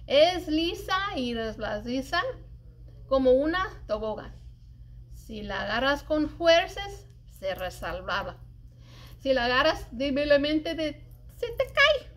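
A middle-aged woman with a high voice works as a library storyteller, reading a children's picture book aloud indoors in the library's children's room. Her delivery is expressive and deliberate, drawing out emphasized words. Light room noise can be heard in the background.

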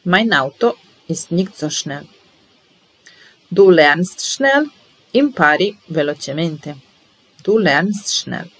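Slow, patient woman teaching language. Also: fairly low pitch, expressive, slightly rough, rough recording. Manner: patient, measured, enunciating each phrase slowly. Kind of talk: slow bilingual lesson, repeating phrases.

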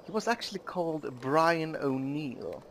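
A man hosting a let's play, giving casual, halting commentary on a strategy game with many pauses. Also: a little high, slight background noise. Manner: halting, many ums and uhs.

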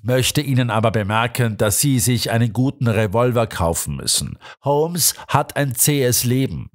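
A man voicing a calm, mildly mocking male doctor, the detective's friend. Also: medium pitch, moderate pace, close to an everyday voice.

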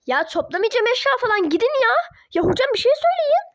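A woman's voice: extremely high pitch, big pitch swings, fast talker, no echo, pitched above the performer's own voice. A woman voicing a defiant teenage girl who argues with her parents in a toy-app role-play drama. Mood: indignant. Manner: indignant, argumentative.

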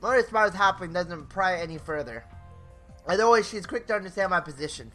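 A young adult man with a high, expressive, slightly bright voice hosts a gaming video from a small home bedroom, with game music in the background. He reads story narration theatrically at a quick pace, adding casual asides and occasionally stumbling over words.

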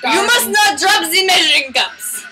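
In a very high, animated voice, a little on the slow side, the young vlogger plays cooking show host in her home kitchen. She delivers goofy instructions with mock formality while rap music blares loudly in the background of the home video.

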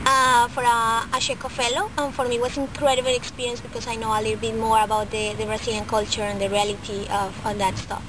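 Young Colombian woman, high voice, outdoor noise. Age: 20s. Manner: unscripted, with some restarts. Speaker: board member introducing herself. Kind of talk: self-introduction to camera.

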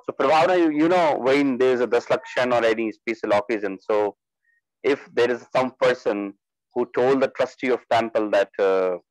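A man leading a religious study class, talking in a halting way with many fillers and putting questions to the group. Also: mid-range voice, dry recording, poor audio.

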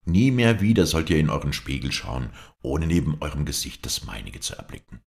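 A man's voice: a bass voice, animated, fairly quick, gravelly, full character voice. A man voicing a young sculptor, a jilted lover speaking in bitter, proud accusations.

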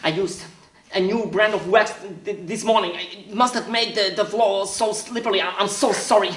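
A man playing a cheerful, devout floor cleaner in an audio drama, stammering and giggling, sometimes breaking into joyful shouts. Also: sits high, fairly even intonation, normal speed, a little hiss or hum. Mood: apologetic.

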